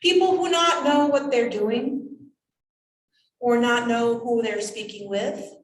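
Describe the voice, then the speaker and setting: A woman as a seance medium channels a cryptic spirit guide. The pronouncements come slowly, in short halting phrases, in a fairly high female voice. The sound is roomy and picked up from a distance. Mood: measured, cryptic. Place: indoors, draped room. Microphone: distant camera microphone. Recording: roomy echo, distant microphone.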